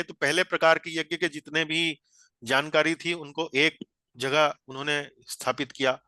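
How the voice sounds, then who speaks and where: Bright-voiced man teaching scripture. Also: fairly high pitch, dry recording. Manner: explanatory, repeats phrases, directs the reader. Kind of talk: explaining scripture in an online class. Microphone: video call.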